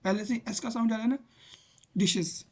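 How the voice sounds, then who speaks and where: A man's voice: high-pitched, fairly quick, darkish tone. A man teaching an online grammar lesson, patiently repeating examples aloud as he types on screen. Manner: talks while typing on screen.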